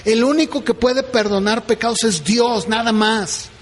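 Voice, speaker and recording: A middle-aged pastor preaches with a strikingly high voice. He keeps it conversational and keeps checking that his listeners follow him. His words ring out with the long reverb of a church hall. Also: measured pace. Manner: conversational preaching with frequent "¿verdad?" asides. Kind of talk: sermon.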